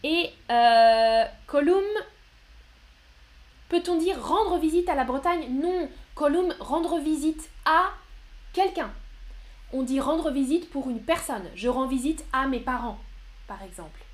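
A woman's voice: sits high, expressive, slow. A woman teaching grammar in a live online lesson, patient and encouraging as she answers viewers one by one. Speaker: French teacher.

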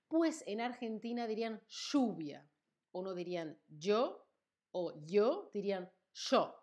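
A woman's voice: medium pitch, darkish tone. A woman from Spain with a Spain Spanish accent, teaching Spanish on a live stream in a chatty way, reading chat messages aloud and often checking in with the viewers. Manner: chatty, reads chat aloud, tag questions. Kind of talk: live-streamed language lesson.

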